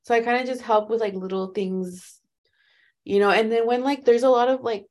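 A woman's voice: fairly high pitch, normal speed. A woman co-hosting a podcast in casual chat, laughing easily and talking with many fillers over a remote call. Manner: relaxed, laughing, full of fillers. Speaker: podcast co-host.

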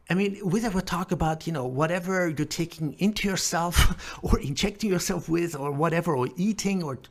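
Male podcast host, slightly high voice, rambling excited monologue, lots of fillers. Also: moderate pace. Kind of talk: casual monologue.

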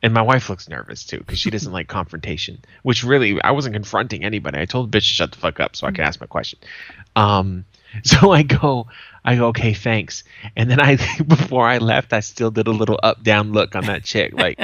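A man's voice: fairly low pitch, animated, a little fast, fairly bright tone, no echo, highs cut off. A man co-hosting a podcast, telling a story in a loose, profane way with frequent laughs. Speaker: podcast co-host. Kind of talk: casual chat, storytelling.

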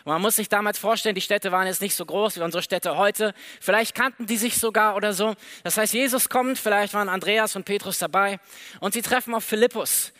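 A man preaching a sermon in a lively, conversational way, acting out the dialogue of the story as he tells it. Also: high-pitched, brisk. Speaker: pastor.

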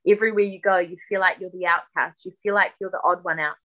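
Woman minister, deliverance prayer, bright and forceful, repetitive commands. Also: on the low side, fairly even intonation, fast talker, poor audio.

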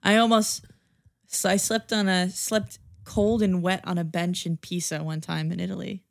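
Low-voiced woman guest, dry sound. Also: level tone, normal speed, gravelly, no echo. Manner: storytelling, swears. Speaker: podcast guest. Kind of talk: casual chat.

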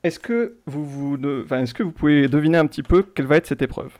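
A man running a casual quiz show for his friends. He talks in a chatty, loose way, restating the rules more than once and reading out lyrics in a deliberately flat voice. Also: fairly high pitch, over music. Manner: chatty, repeats himself, reads lyrics flatly. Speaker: quiz host.

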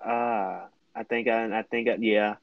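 A tired young man co-hosting a casual late-night chat, easygoing and quick to agree. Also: on the low side, fairly even intonation, creaky, no echo, highs cut off. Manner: easygoing, agreeable, chimes in often. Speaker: co-host.

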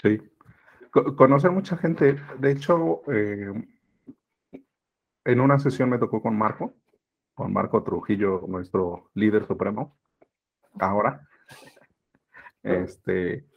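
A man's voice: fairly low pitch, slow, creaky, pauses often, lo-fi sound. A man from Mexico City with a Mexican accent, a podcast guest who talks in a reflective, hesitant way with many fillers. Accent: Mexican Spanish. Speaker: podcast guest, business mentor. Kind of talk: casual conversation.

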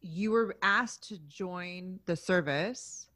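A woman's voice: fairly low pitch, takes it slowly, fairly bright tone, no echo. A woman co-hosting a podcast, introducing the show and a guest in a friendly way. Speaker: podcast co-host.

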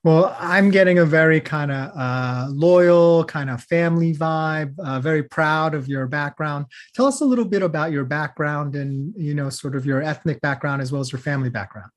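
A man's voice: on the high side, normal speed, few pauses. A man hosting a podcast interview, upbeat and friendly, moving from a scripted intro into casual questions. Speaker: podcast host.

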